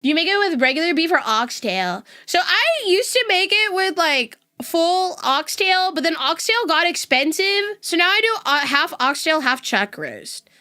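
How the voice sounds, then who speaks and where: A young woman with a very high, very animated voice talks at a moderate pace with few pauses and a sharp tone. She's a VTuber streamer from the US West Coast with a neutral accent, chatting casually with her chat and laughing often.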